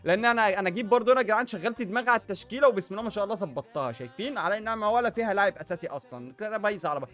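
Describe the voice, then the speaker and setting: Speaking in Egyptian Arabic, this young YouTuber races through commentary on his football video game with hardly a pause, his high, fairly bright voice full of jokes and jabs at the opponent. Faint music plays in the background.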